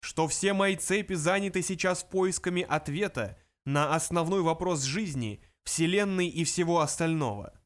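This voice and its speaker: Booming, deliberate supercomputer, calm and sure of itself, voiced by a male narrator. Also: natural voice. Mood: measured. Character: vast booming supercomputer, calm and self-assured.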